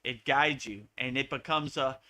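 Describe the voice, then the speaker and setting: Bright-voiced American man teaching yoga. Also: medium pitch, normal speed. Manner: earnest, repetitive, preaching. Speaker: spiritual teacher. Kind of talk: live Q&A satsang talk.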